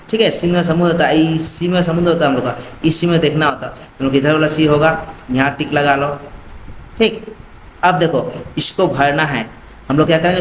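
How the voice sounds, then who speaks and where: A man with a slightly high voice teaches a school lesson, blending Hindi and English and frequently repeating a checking phrase. The room is echoey with faint ambience, and there is a little hiss or hum.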